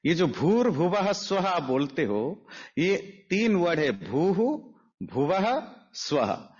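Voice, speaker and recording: A man's voice: on the high side, very animated, slow, breathy edge. A man teaching a spiritual lecture in an emphatic, explanatory way, mixing in English phrases. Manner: mixes Hindi with English phrases. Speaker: religious teacher. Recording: dull lo-fi audio.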